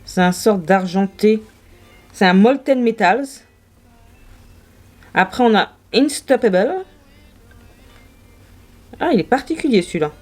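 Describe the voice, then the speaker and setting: A woman's voice: mid-range voice, lively intonation, slow pace, pauses often, soft background music. A young woman vlogging makeup swatches, gushing and exclaiming over each shade in casual chat. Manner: gushing, exclamatory, marvelling aloud. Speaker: beauty vlogger.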